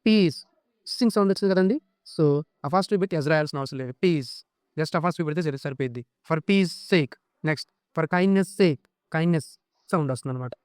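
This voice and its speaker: Telugu-accented man teaching grammar, crisp dry voice. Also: on the high side, no echo. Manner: mixes Telugu explanation with slow, deliberately spoken English rules. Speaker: English teacher. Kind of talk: exam-prep grammar lesson.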